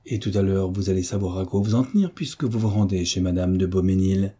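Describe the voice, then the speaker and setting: A man's voice: low-pitched, a little fast, dark tone, husky. A man voicing a patient, good-natured old army veteran with a dry way of speaking.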